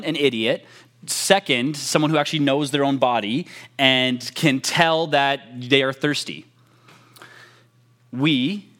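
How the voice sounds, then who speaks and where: A man's voice: mid-range voice, a bit bright. A young man, a youth pastor, opening a sermon with a chatty, self-mocking story full of fillers.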